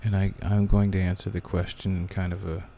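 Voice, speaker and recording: A man's voice: low-pitched, little pitch movement, brisk, vocal fry, dark tone, slight background noise. A man hosting a casual podcast chat, talking in a rambling, laid-back way close to the mic, with his breathing audible. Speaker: podcast host.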